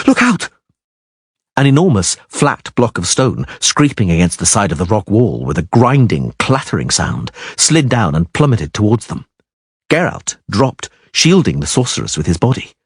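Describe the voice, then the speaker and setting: A man's voice: lowish voice, husky, dry recording, clean studio sound. A man reading a fantasy audiobook aloud in dramatic narration, leaning hard on action words. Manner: emphatic, swelling on action words.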